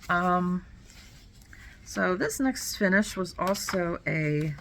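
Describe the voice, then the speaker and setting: In a small indoor room at home, a woman in her thirties chats casually to camera about cross stitch, nasal as she gets over a cold. Her voice is on the low side and expressive, with vocal fry, and she takes it slowly, rambling and making small self-corrections. A little hiss or hum can be heard.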